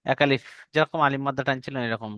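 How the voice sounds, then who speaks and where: A man's voice: mid-range voice, steady tone, quick pace, fairly bright tone, smooth, no echo, lo-fi sound. A man teaching Arabic letter reading in a recorded online lesson, patiently drilling the rules, asking learners to repeat after him, and stretching out letter sounds as he recites.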